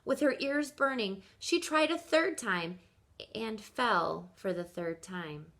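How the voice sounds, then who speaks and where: With a deliberate, expressive storytelling style, a woman reads a picture book to children as a teacher might. Her voice sits in the mid range.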